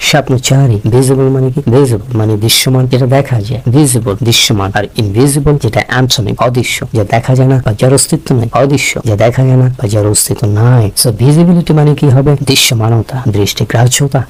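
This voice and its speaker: Male teacher with a Bangladeshi accent, brisk drill-style vocabulary lesson, mid pitch. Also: rough recording. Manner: repeats each word and meaning in a drilling rhythm.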